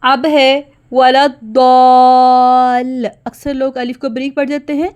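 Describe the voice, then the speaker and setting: A woman teaching Quran pronunciation, explaining rules quickly and then reciting example words slowly and loudly. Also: high-pitched, flat delivery, dull audio. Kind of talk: tajweed lesson.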